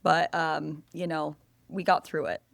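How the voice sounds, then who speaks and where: A woman's voice: sits low, level tone, unhurried, vocal fry, no echo. A woman co-hosting a podcast, explaining things in an upbeat, playful way. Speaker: podcast co-host. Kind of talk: casual chat.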